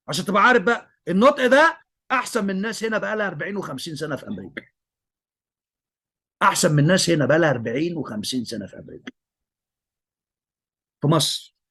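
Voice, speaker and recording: A man's voice: on the high side, fairly bright tone, breathy edge. A man with an Egyptian Arabic accent, an English teacher giving emphatic commentary and repeating his praise of a student.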